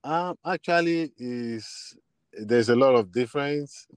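A slow, smooth, medium-pitched male voice with no echo. He has a Nigerian accent and is a bassist and singer giving interview answers and personal stories as a musician guest. He hesitates often, repeating words while feeling for his phrasing.

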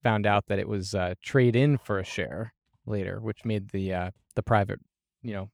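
Gravelly low-voiced man, wry. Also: steady tone, moderate pace, no echo, studio quality. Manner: wry, hedging, trails off softly. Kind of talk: casual board game discussion.

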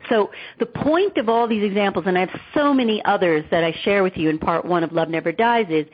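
Husky woman telling a personal story. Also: mid-range voice, fairly quick. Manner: animated, acts out quoted voices. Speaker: guest author. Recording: dull lo-fi audio.

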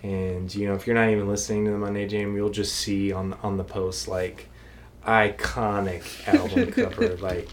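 A man's voice: lowish voice, lively intonation, moderate pace, slight background noise. A man co-hosting a podcast in casual chat, rambling with lots of fillers and restarts. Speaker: podcast co-host.

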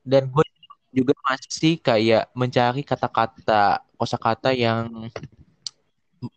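A young man with a mid-range voice chats casually, pausing often and hunting for the right word. His voice is close and dry, with no room echo. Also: medium pitch, steady tone, clean tone. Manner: hesitant, searching for words with many fillers. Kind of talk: casual chat.

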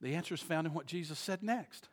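A man delivers a sermon in a fairly high voice, dropping to near-hushed reflection and then climbing to loud, emphatic peaks. He repeats words and restarts as he drives each point home. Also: fast. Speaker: pastor.

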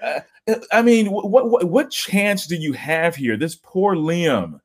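A man co-hosting a casual movie review podcast, talking in a relaxed, joking way with drawn-out phrasing. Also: high-pitched. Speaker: podcast co-host.

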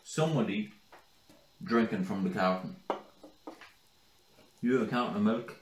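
A man's voice: lowish voice, normal speed, slight background noise. A man co-hosting a casual podcast, teasing his co-host, swearing and laughing as he reads out listeners' icks. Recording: echoey room, set back from the mic.

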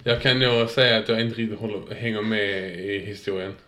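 A young man with a fairly low voice drops dry, wry remarks into a casual podcast among friends. He sounds like he is in a roomy space with a noticeable echo. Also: steady tone, bright, forceful tone. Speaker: podcast co-host.

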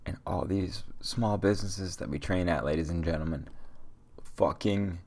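Stuffy-nosed from a cold, a young man hosts a solo podcast and launches into a rambling, profane, motivational rant. His voice is deep and darkish in tone, delivered at a moderate pace.

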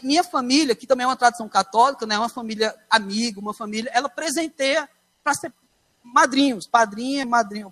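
A young man from Brazil with a São Paulo accent tells his faith story from the pulpit. His voice sits high for a man. He tells the story with animation and acts out the quoted lines. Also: fairly bright tone. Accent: Brazilian Portuguese, São Paulo. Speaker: preacher giving testimony. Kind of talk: personal testimony.

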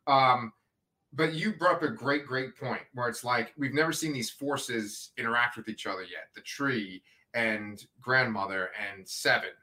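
A man's voice: medium pitch, a little slow, bright, forceful tone. A man hosting a casual review podcast, talking in an upbeat, rambling, emphatic way. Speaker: podcast host.

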